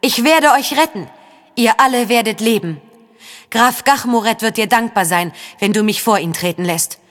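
A woman voicing a young woman who speaks through a lying spirit, slow, insistent and persuasive, in an audiobook. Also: high voice, lively intonation, fairly bright tone, in a large hall, voice pushed up. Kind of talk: audiobook character voice.

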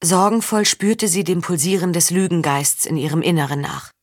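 A woman narrating a fantasy novel in a measured, even storytelling manner. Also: fairly low pitch, no echo, clean studio sound. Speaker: audiobook narrator. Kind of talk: scripted narration.

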